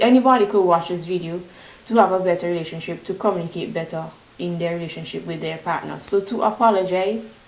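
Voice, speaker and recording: Woman giving relationship advice, kinda low voice, teacher-y, keeps saying "right?", echoey room. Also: darkish tone. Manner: instructive, repeats example phrases with emphasis, frequent "right?" tag questions. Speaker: relationship advice channel host. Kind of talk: solo advice talk to camera.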